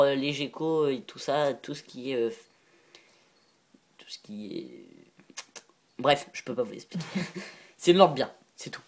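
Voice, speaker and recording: A male vlogger talking through a casual show-and-tell, chatty and loose. He rambles from item to item, breaks into giggles and freely admits he is not sure of the details. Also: fairly high pitch. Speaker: reptile-keeping video maker.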